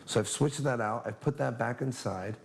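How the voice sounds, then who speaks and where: A man's voice: medium pitch, moderate pace, vocal fry, a little hiss or hum. A man casually teaching a magic trick while demonstrating it on a spectator, chatty and upbeat, acting out his patter as he goes.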